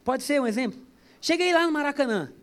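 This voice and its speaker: Very high-voiced joking pastor man. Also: animated, fairly quick. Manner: chatty, joking, storytelling. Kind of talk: sermon. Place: church service.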